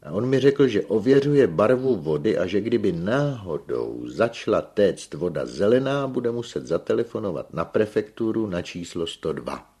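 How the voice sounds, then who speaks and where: A man reading aloud and voicing an excitable, chatty male village café owner who tells his story loudly and eagerly. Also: fairly low pitch, husky, pitched above the performer's own voice, heavily acted. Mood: excited.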